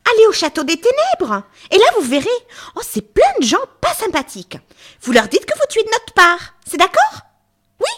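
Actress as very high-pitched, excitable comic heroine. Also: female voice, normal speed, heavily acted. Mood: coaxing. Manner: theatrical, insistent. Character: excitable, indignant woman in absurd adventure. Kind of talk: comic radio drama acting.

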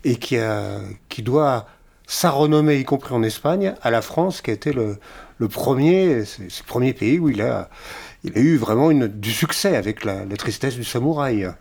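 A man in a relaxed chat who speaks hesitantly, with fillers. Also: mid-range voice, moderate pace, creaky.

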